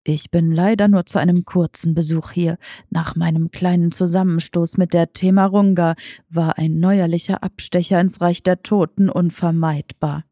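A woman reading an audiobook, voicing a calm, riddling male talking cat who speaks in gentle condescension. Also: fairly low pitch, normal speed, no room sound, clean studio sound, voice pushed down. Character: cryptic, suave male talking tomcat.

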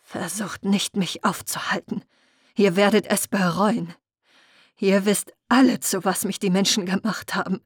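A woman's voice: medium pitch, fairly even intonation, a little slow, slightly rough, no echo, studio quality. A woman voicing a grim, proud young woman warrior who speaks hard and bitter, in an audiobook reading. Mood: threatening. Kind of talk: audiobook character voice.

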